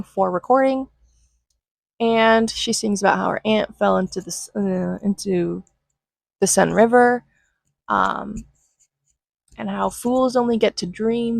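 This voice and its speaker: A young woman retells a film plot in a loose, chatty way, jumping into quick impressions of the characters. Her voice has a gravelly fry at the ends of phrases, heard dry and close. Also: mid-range voice, no echo, rough recording. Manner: flippant, acts out quotes in quick voices. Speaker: movie reviewer. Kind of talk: casual recap commentary.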